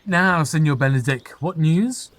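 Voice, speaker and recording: Claudio, flippant highish-voiced young lord. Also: male voice, measured pace, fairly bright tone. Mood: bantering. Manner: bantering, flippant. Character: flippant young lord, mocking his old friend. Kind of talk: Shakespearean audio play acting.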